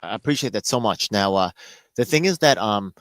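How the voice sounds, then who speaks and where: Low-voiced male interviewer, rapid and hesitant, dry close mic. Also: animated, fairly bright tone, no room sound. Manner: quick, hesitant with fillers. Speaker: interview host. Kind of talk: casual interview.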